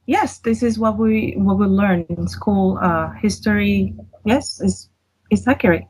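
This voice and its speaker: Female caller from Venezuela, husky voice, dry sound, brief and polite. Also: mid-range voice, a little slow, a little mellow, dry recording, low-quality recording. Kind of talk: call-in conversation.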